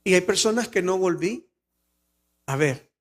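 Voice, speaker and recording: A pastor with a Salvadoran Spanish accent preaches in church, earnest and personal, at times breaking into emphatic exclamations. His voice sits high, with lively intonation and a slightly slow pace.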